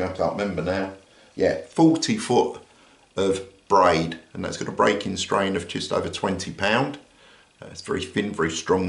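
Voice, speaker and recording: A gravelly, fairly low voice belongs to an easygoing older British man demonstrating a survival kit, one item after another, with frequent "uh" pauses. The room sounds spacious. It's an informal indoor table demo, recorded by an overhead camera aimed at his hands while he remains out of view.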